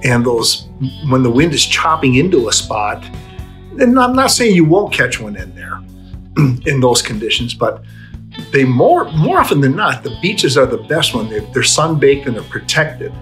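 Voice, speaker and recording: A man's voice: medium pitch, big pitch swings, moderate pace, fairly bright tone, faint music behind. A man in his sixties introducing a fishing segment to a webcam in a small room, conversational with restarts. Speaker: fishing show host. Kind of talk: casual to-camera introduction.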